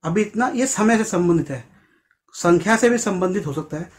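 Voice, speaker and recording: A man with a high, expressive voice teaches English grammar in a Hindi-language lesson. He explains slowly, repeats English phrases word by word, and acts out small quoted scenes in a raised voice.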